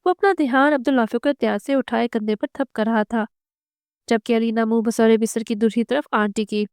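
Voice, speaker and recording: A woman reading a novel aloud in a steady narrating manner. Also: a little high, a little fast, clear, resonant tone, dry recording, clean studio sound. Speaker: novel reader.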